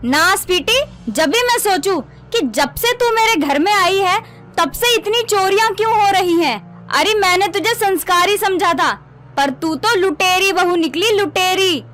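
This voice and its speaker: A woman voicing a stern middle-aged mother-in-law in an animated story, scolding and wailing theatrically. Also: very high-pitched. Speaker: voice actor. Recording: background music under the voice.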